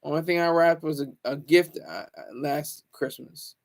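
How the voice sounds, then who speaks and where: His voice is a little high with some vocal fry, delivered at normal speed. The casual livestream host rambles, pokes fun at viewers, and keeps stammering and starting over.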